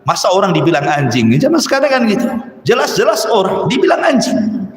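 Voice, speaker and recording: Animated preacher in an echoey hall. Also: male voice, high voice, brisk. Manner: animated storytelling, mimics voices in anecdotes. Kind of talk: sermon. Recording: echoey hall with long reverb.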